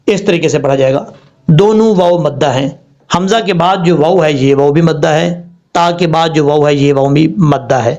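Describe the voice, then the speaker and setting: A man with a fairly high voice teaches recitation rules patiently, breaking each word into slow spelled-out syllables. The recording sounds dull and lo-fi. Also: a little mellow. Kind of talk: tajweed lesson.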